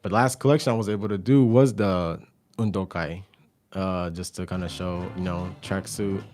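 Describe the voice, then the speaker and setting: A young man guesting in a radio studio rambles in a laid-back way about his clothing brand, full of fillers and restarts. He speaks at normal speed in a low, darkish voice with fairly even intonation, faint music playing behind.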